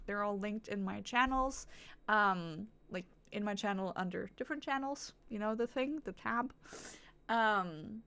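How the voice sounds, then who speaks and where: Here a video game streamer talks loosely with her audience, giggly and meandering, often circling back to say the same things again. She has a fairly high, slightly bright voice.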